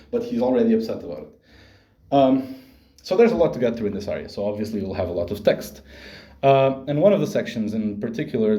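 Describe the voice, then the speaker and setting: A man's voice: mid-range voice, warm tone. A young man, a voice student, giving a spoken presentation in an explanatory way, with fillers and self-corrections. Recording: roomy echo.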